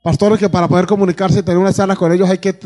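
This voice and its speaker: Colombian pastor preaching, somewhat high voice. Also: male voice, level tone, racing, dark tone. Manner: calls out to the congregation with frequent amens and questions; repeats words when searching for the next one. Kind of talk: preaching a sermon to a congregation. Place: church before a live congregation.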